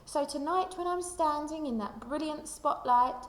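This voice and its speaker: In a room with long, echoing reverb, a woman with a high voice reads a children's picture book aloud. Her storytelling is expressive and deliberate, much like a primary school teacher's.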